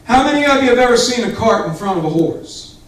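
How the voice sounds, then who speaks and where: With a very high voice and slow, expressive delivery, a male pastor preaches a fervent, emphatic Pentecostal sermon, speaking directly to a small congregation and building up to shouts. The sanctuary is highly reverberant, and the echoey recording is made far from the camera.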